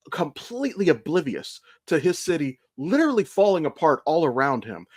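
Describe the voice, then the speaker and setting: Here a fairly high-pitched man co-hosts a laid-back podcast, sharing opinionated fan takes on pop culture and dropping the odd swear word. It's a clean studio recording with no room sound.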